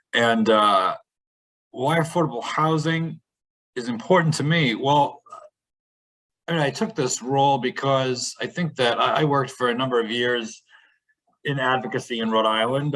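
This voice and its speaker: A man's voice: mid-range voice, a bit bright, low-quality recording. A man with a mid-range voice speaks on a video call. He is sincere but hesitant, stopping often with fillers as he gathers his thoughts. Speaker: director of a housing coalition. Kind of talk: online community meeting introduction.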